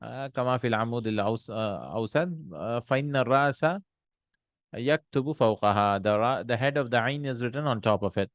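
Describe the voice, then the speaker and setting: A man teaching an Arabic textbook lesson. He reads Arabic lines quickly, then translates and explains them slowly in with many pauses and restarts. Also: medium pitch, dry recording.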